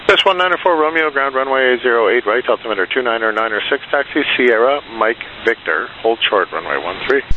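Fast-talking male air traffic controller. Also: mid-range voice, lively intonation. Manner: clipped, procedural. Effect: radio. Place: Vancouver air traffic control radio channel. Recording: dull radio audio, faint hiss.

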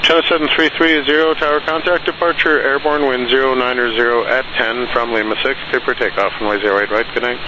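A male air traffic controller rattles off clipped radio instructions very quickly at a medium pitch. The transmission is muffled, with clear background noise. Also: steady tone. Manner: clipped procedural phraseology. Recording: noisy muffled aviation radio.

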